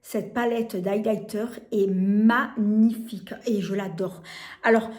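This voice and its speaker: A French woman showing makeup on camera, gushing about each product and filling pauses with hesitations and repeated words. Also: mid-range voice, steady tone, darkish tone. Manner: gushing, enthusiastic over products. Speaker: beauty vlogger. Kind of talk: casual product demo. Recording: echoey room.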